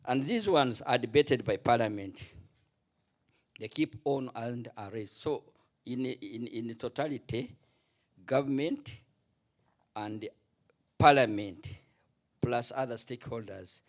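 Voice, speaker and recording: A middle-aged man giving a spontaneous remark at a conference panel, halting and restarting often. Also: mid-range voice. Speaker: panel contributor, former legislator.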